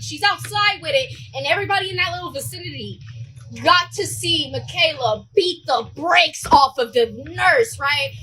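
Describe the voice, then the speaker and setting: A young adult woman telling a storytime vlog in an animated, slangy way, swearing and talking straight to her viewers. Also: sits high, a little hiss or hum, low-quality recording. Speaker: vlogger.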